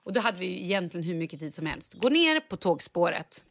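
Animated woman telling a story. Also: fairly low pitch, creaky, no echo. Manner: animated, self-mocking, acts out quotes. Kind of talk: casual storytelling chat.

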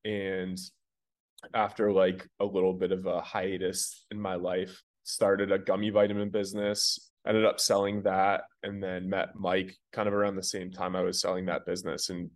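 A man's voice: deep voice, completely flat delivery, normal speed. A man, a company founder, telling stories casually with lots of fillers. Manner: rambling, filler-heavy storytelling. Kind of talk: casual interview.

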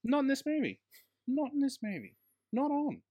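This podcast co-host's voice is very high-pitched and swoops wildly, though his speed stays normal and the sound is lo-fi. He's a man riffing casually on movies, exasperated as a fan and full of slang and cursing.

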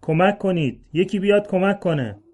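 A man's voice: mid-range voice, dark tone, natural voice. A man voicing a grown man who urgently pleads with an injured stranger, in a read-aloud story. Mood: shouting for help.

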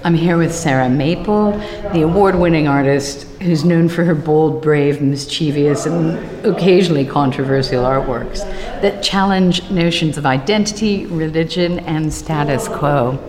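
A woman's voice: low voice, moderate pace, a crowd in the background. A woman hosting an arts interview, putting questions and introductions to her guest.

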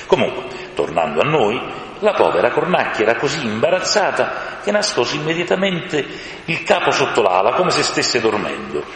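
A man narrating a storybook in an expressive, scripted way. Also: medium pitch, moderate pace. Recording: reverberant room with faint hiss.

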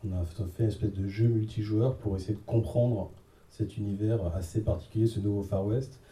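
A man's voice: lowish voice, fairly even intonation, normal speed, dark tone. A man speaking as a panel guest, hesitant, searching for words and using many fillers. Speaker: game designer and panel guest. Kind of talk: casual panel talk. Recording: echoey room from a distance.

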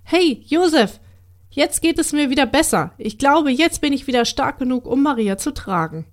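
A woman's voice: fairly high pitch, lively intonation, normal speed, lightly acted. A woman voicing a cocky storybook mule. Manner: cocky, then sleepy and drawling. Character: boastful sly young male mule.

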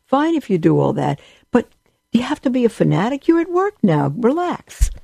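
A dismissive, condescending male coworker scolds in a voice pushed high and sharp, as a woman mimics him. A gravelly rasp still runs under the lifted pitch. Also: sing-song, normal speed, dry recording, clean studio sound, heavily acted. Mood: scoffing. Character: dismissive male coworker urging her to relax.

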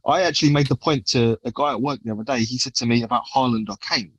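A man's voice: medium pitch, fast talker, slightly rough, no echo. A man in an opinionated, casual football chat, talking emphatically with slang and swearing. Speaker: football fan podcast panellist.

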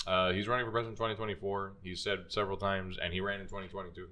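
A man's voice: low voice, little pitch movement, racing, sharp tone. A young man co-hosting a podcast, talking in a rambling, slangy, casual way. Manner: rambling, slangy, with a mock-announcer mukbang bit. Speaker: podcast co-host. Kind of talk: casual chat.

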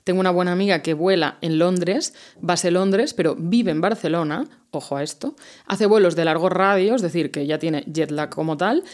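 A woman who works as a flight attendant, a guest in a casual interview, telling stories about her work in a chatty, animated way. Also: on the low side, moderate pace.

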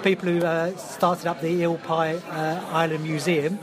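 A man's voice: a little high, level tone, unhurried. A man chatting casually as a football podcast guest. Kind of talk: casual chat. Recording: noisy crowd chatter behind.

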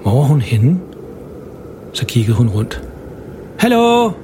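A man's voice: medium pitch, warm tone, a little hiss or hum. A man narrating a children's story in simple, plain storytelling.

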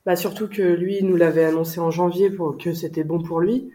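A woman's voice: lowish voice, steady tone, fairly quick, dark tone. Woman recalling a hard time. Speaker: guest. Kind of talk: personal storytelling in an interview.

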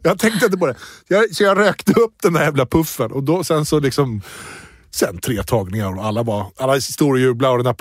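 A man co-hosting a casual talk show, telling an anecdote in an animated way. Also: medium pitch, no room sound, studio quality. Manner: animated storyteller, acts out scenes. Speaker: podcast co-host. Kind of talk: casual chat, storytelling.

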